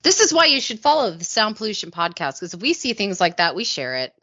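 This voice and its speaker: Lively, bright-voiced woman co-hosting a podcast. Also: medium pitch, fast. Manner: teasing, laughing banter. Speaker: podcast co-host. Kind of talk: casual chat. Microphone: video call. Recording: muffled lo-fi video call audio.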